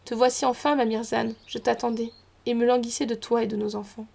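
A woman's voice: a little high, level tone, brisk, creaky, a little mellow. A woman voicing a male serpent who rules a river and speaks tenderly to his wife. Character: male serpent river lord, loving husband.

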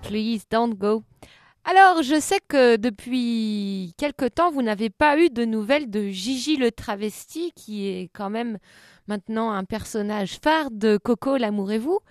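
A woman's voice: fairly high pitch, lively intonation, measured pace, no echo, studio quality, faint music behind. A woman hosting a comic radio show, telling a story in a playful, mock-earnest way.

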